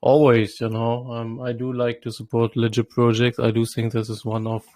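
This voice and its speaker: A man's voice: medium pitch, monotone, moderate pace, dark tone, no room sound. A man hosting an online interview in a casual, upbeat, promotional way. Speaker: host.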